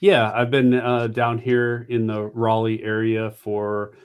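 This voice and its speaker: A man from upstate New York answering interview questions, halting, with frequent ums and uhs. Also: medium pitch, completely flat delivery, clean tone, muffled recording. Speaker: guest, company founder.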